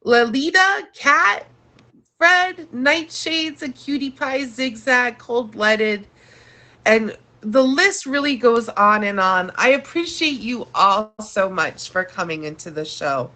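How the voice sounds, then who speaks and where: A woman's voice: a little high, animated, slow, bright, forceful tone. A woman hosting a casual livestream, thanking her viewers often, with a congested, nasal voice from a blocked nose. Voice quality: stuffy, nasal sound from congestion. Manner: effusively thankful, addresses audience as "you guys". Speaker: live show host.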